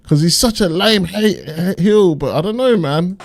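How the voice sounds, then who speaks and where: A man's voice: high voice, lively intonation, measured pace, gravelly, dry recording. A man giving casual, off-the-cuff reaction commentary, slangy and musing aloud as he goes.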